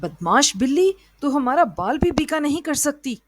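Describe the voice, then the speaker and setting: Clever little male animal hero voiced by a woman, bold defiant talk, breathy voice, dry sound. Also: fairly high pitch, lively intonation, measured pace, no room sound.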